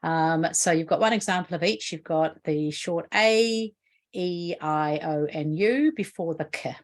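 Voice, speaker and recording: A woman's voice: fairly low pitch, unhurried. A woman with a New Zealand accent explaining a spelling rule in an instructional video lesson, patient and explanatory, often asking the viewer questions. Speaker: literacy educator.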